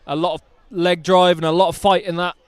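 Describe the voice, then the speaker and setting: A man's voice: sits high, little pitch movement, brisk, smooth, no echo. A man doing live rugby commentary outdoors, chatty and enthusiastic with jokey asides.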